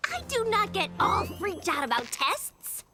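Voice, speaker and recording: A woman's voice: very high voice, sing-song, measured pace, exaggerated voice. A woman voicing a bookish, fussy young female unicorn in a cartoon, earnest and lecturing, with music behind.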